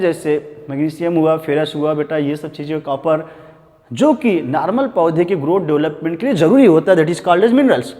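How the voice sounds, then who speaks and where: A male biology teacher giving an exam-prep lecture in Hinglish, calling students "beta" and reading textbook lines slowly before explaining them quickly. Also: on the high side, a little mellow, long reverb tail. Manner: addresses students as beta, repeats "dhyan denge".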